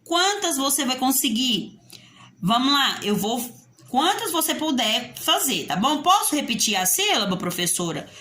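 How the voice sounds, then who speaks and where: Her voice is slightly high, bright and forceful. She's a teacher with a Brazilian Portuguese accent presenting a video lesson to young kids, singing her way through questions from pupils and then answering them.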